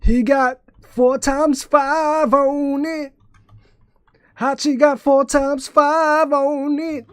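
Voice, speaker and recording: A man putting on a high, slowed-down mock gangster voice as a joke during a stream. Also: expressive, no echo. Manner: drawn-out, mocking impression.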